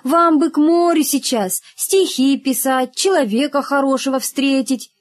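A cheeky, lazy schoolboy in a storybook reading, as a woman narrator puts him on, fawning over his teacher with slow, wheedling flattery. His voice sits a touch higher than an everyday one, with a sly, drawn-out delivery.

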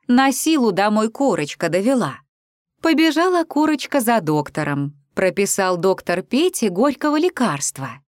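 A woman reading a children's fairy tale aloud in an expressive, sing-song way. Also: mid-range voice, no room sound, studio quality. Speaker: storyteller.

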